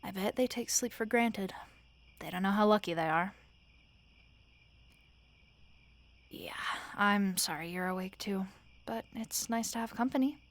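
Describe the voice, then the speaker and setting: In a soft-spoken audio roleplay, a woman plays a sleepless roommate who is tired and wry. Her natural, medium-pitched voice sounds weary and subdued as she talks casually and haltingly, teasing with fond, dry humor.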